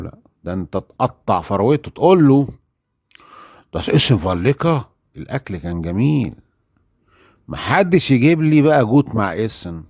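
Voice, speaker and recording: An Egyptian man teaching German in a lively way, acting out little dialogues and asking and answering his own questions. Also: medium pitch, no room sound, clean studio sound. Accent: Egyptian Arabic. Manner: acts out little dialogues, asks and answers himself.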